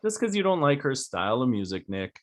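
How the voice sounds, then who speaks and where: A man co-hosting a casual podcast chat over a video call, relaxed and laughing often. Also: mid-range voice, a little fast, a little hiss or hum. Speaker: podcast co-host.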